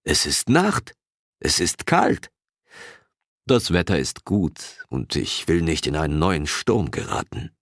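A man voicing a calm, mysterious wandering man in an audiobook, speaking in a measured, quiet manner. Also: a bass voice, no echo, clean studio sound, exaggerated voice. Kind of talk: audiobook character reading.

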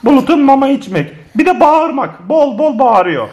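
Playful animated man filming his kids. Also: very high voice, normal speed. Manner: playful, animated, often laughing. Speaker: family vlogger. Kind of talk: casual family vlog talking to viewers.

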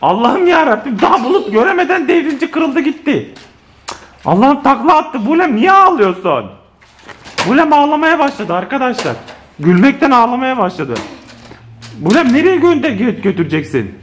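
Excitable male family vlogger, very high pitch, chatty and exclamatory. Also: normal speed, slight background noise. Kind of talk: casual home vlog addressing viewers. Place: home living room with a sofa. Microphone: handheld camera.

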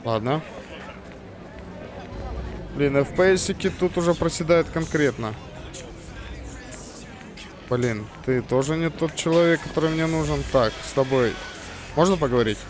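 Болтливый мужчина комментирует прохождение игры. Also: male voice, a little high, measured pace, long pauses, crowd noise. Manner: chatty, swearing, muttering to himself. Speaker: let's play commentator. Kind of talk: casual gaming commentary. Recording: game music over the voice.

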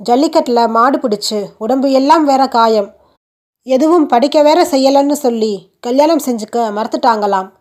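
A woman's voice: sits high, natural voice. A woman voicing a young man in love, who talks in a persuasive, lightly teasing way.

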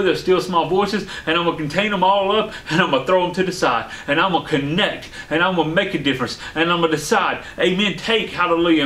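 A man in his forties preaches an online sermon to camera from an indoor studio set with a dark backdrop, his fairly high, bright voice fervent and punctuated by amen and hallelujah. He's seated at a medium distance from a fixed camera, and the studio gives a roomy echo.

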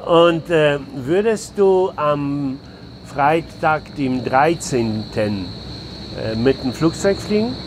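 A man runs a street interview, asking curious questions and nodding along with quick replies. His pitch moves a lot. City traffic can be heard clearly behind him. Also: lively intonation. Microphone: handheld mic.

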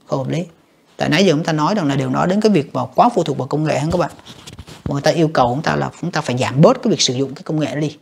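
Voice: medium pitch, creaky, darkish tone, breathy edge. An English teacher, reviewing exam questions by reading each option aloud, translating it and judging it for the students. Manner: reads each English option, then translates and judges it, often addressing "các bạn".

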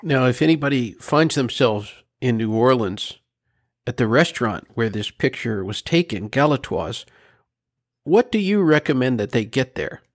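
A man's voice: mid-range voice, animated, moderate pace. A man hosting an interview, asking curious questions. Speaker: podcast host.

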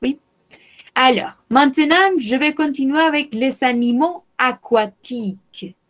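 A woman whose first language is Spanish, teaching a French lesson, saying each word slowly and repeating it. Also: sits high.

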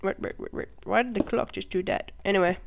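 Casual game-tutorial host, excitable, laughs and exclaims easily, rambling and chatty delivery. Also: mid-range voice, quick pace, gravelly, a little hiss or hum. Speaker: channel host.

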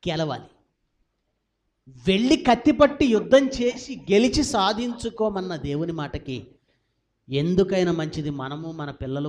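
A man's voice: fairly high pitch, a little mellow. A man pastor preaching a sermon to a packed hall, asking the congregation questions and answering them himself, with sudden rises and drops in volume. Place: large church hall with about four hundred people.

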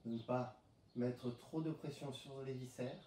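Speaking at a measured pace in a mid-range voice, this man calmly coaches a home pilates class through breaths and movements, counting as he goes. A distant camera mic picks up the roomy space along with slight background noise.

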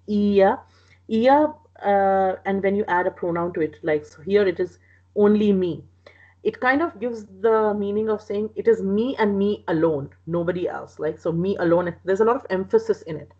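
Husky woman teaching, muffled recording. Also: medium pitch, a little mellow. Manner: explains patiently with many fillers and restarts. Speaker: Quranic Arabic teacher. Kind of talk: explaining a lesson.

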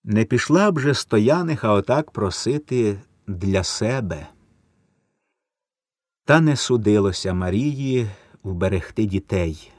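A man giving a solemn, measured literary reading of a wartime story. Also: on the low side, lively intonation, no echo, studio quality. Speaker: narrator.

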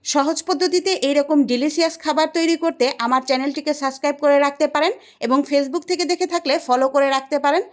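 A woman hosting a cooking channel, giving a scripted recipe voice-over in a steady, instructive, step-by-step way. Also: high-pitched, fast.

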